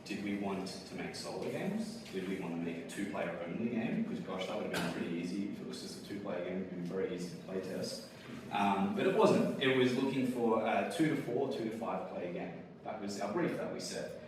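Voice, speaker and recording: At a fairly quick clip, this lowish-voiced board game designer from Australia chats through a conference talk, casual and full of fillers and easy laughs. The mic is some distance away, leaving his voice echoing through a big hall with steady hiss underneath.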